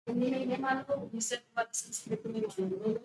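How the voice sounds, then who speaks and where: In an echoey room with faint noise, a woman teacher reviews a test with her students as exam prep. Her voice sits high and is gravelly and darkish, very animated and fairly quick, as she firmly corrects mistakes and repeats key words.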